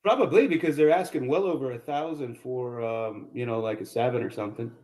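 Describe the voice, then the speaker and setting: A man in casual round-table chat, animated, often repeating words as he restarts his sentences. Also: mid-range voice, a little fast.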